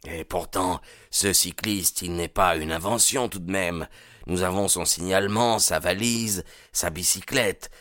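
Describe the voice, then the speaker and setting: A man reading as a sullen, frustrated police inspector who grumbles through his complaints. The voice sits low and a little subdued. The audiobook reading is close and dry. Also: measured pace, a bit bright, dry recording. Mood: glum.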